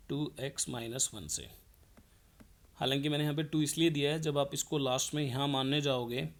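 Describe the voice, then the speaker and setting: A man teaching a math lesson. He explains each step and asks the class questions, then answers them himself. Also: medium pitch.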